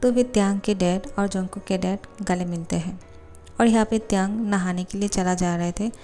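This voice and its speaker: A woman narrating a fan fiction story in a plain, steady retelling voiceover. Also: mid-range voice, moderate pace, faint music behind.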